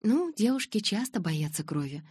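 A woman's voice: medium pitch, very animated, normal speed, a little mellow, slightly rough, dry recording, clean studio sound, pitched above the performer's own voice. A woman reading an audiobook, voicing a fussing older female school nurse aide in a raised, coaxing tone.

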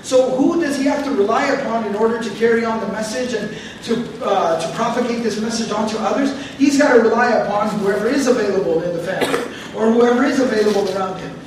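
A Quran teacher with a very high voice lectures on scripture at a quick pace, explaining each word carefully and repeating phrases for emphasis. He often drifts into tangents. He's some distance from the mic in a very echoey room with faint background noise.

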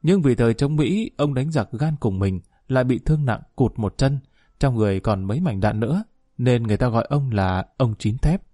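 Mellow male audiobook narrator. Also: mid-range voice, dry recording, clean studio sound. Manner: steady, measured reading.

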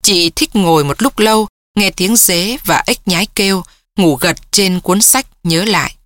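A woman reading a novel aloud as an audiobook narrator, voicing the dialogue in her own voice and lifting her pitch for the emotional lines. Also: moderate pace, fairly bright tone, no room sound. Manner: reads several characters in one voice, lifting pitch for emotional dialogue.

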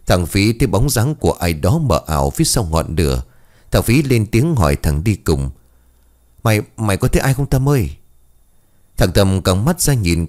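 A man narrating a scripted ghost story in a dramatic, expressive way. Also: low-pitched.

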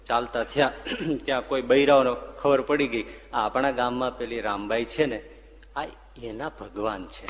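Male swami giving a story sermon, goes hushed then loud, mid pitch, long echo of a big hall. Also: normal speed, a little hiss or hum. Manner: expressive, swings from hushed to loud. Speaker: swami preacher.

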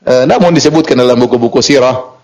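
A male Islamic preacher giving a storytelling lecture, reading Arabic text and explaining it, lively and chuckling at times. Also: fast, rough recording. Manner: lively, rises in pitch for emphasis and chuckles. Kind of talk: sermon.

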